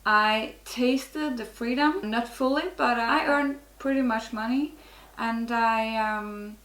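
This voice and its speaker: Slow and fairly high-pitched, this woman's slightly bright voice echoes in the room. She is a middle-aged network marketer from Norway, a guest in a casual English interview, speaking frankly with a Norwegian accent and frequently restarting sentences.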